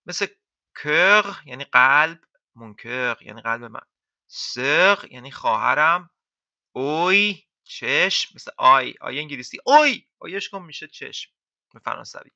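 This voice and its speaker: Chatty man teaching, bright dry sound. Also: mid-range voice, big pitch swings, vocal fry, dry recording, muffled recording. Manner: chatty, repeats words slowly for learners. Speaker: French teacher. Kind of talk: casual lesson explaining to beginners.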